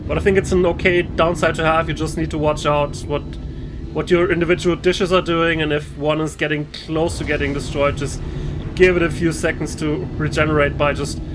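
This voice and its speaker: A man's voice: a little high, background noise. A man casually commenting on his own gameplay, rambling and hesitant with frequent restarts. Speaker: gaming video host. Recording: game music clearly behind voice.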